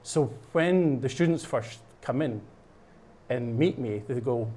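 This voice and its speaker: Slow and warm, with a medium pitch, this Scottish man speaks in a Scottish accent as a guest on a local show. He paints in the studio while casually explaining a program, rambling with many fillers and restarts.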